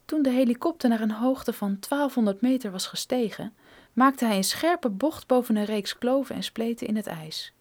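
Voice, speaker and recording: A woman reading a thriller audiobook in a steady, measured storytelling manner. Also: fairly high pitch. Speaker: narrator.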